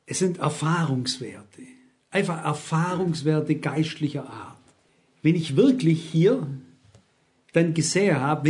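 A man's voice: fairly high pitch, a little mellow. A man in his sixties preaching a sermon, emphatic and constantly asking his listeners rhetorical questions.

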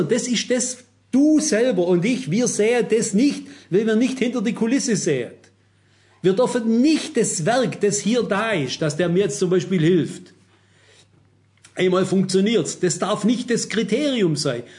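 High-voiced preacher man. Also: a little mellow. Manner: earnest, warning, repeats phrases for emphasis. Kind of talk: sermon.

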